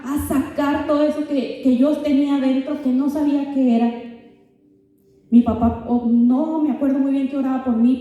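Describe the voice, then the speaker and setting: A young woman giving an emotional spoken testimony to a youth group, talking earnestly and directly to her listeners, often halting and repeating words. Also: sits high, mellow, highs cut off. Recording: echoey hall from far off.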